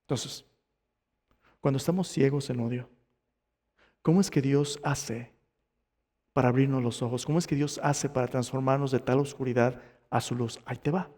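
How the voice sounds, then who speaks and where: A man's voice: mid-range voice, fairly even intonation, normal speed, pauses often, darkish tone, big-room sound. A male pastor preaching a sermon, telling the story dramatically and asking the congregation questions. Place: church sanctuary.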